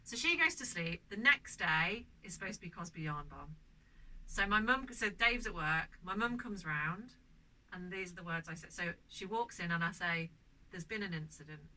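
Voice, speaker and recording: Exasperated mum telling a story. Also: female voice, lowish voice, normal speed. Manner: animated, exasperated, swears freely. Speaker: podcast co-host and mother. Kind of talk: casual comedic storytelling. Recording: distant mic with background noise.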